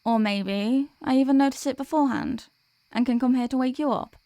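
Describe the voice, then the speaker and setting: In an ASMR comfort roleplay, a woman plays a gentle, protective sleep paralysis demon, speaking in a soothing, tender and reassuring way. Her voice sits high and moves briskly, and the recording is dry.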